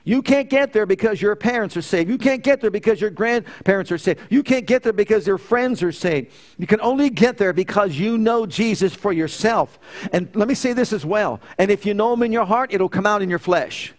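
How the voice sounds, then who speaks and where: A man's voice: sits high, brisk. A middle-aged man preaching a sermon, emphatic, repeating phrases in threes and telling personal stories. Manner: tells personal stories with quoted dialogue.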